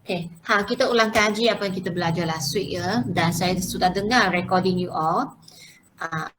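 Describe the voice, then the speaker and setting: A woman leads a classroom pronunciation drill. Her voice is bright and forceful, and she repeats each word slowly and clearly. She switches into English now and then. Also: medium pitch, slight background noise, low-quality recording. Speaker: Mandarin language teacher.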